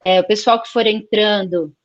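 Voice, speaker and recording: A woman's voice: medium pitch, normal speed, highs cut off. A woman moderating an online talk over a video call, her audio choppy and glitching as it keeps cutting out. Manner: relaxed and conversational, with many fillers.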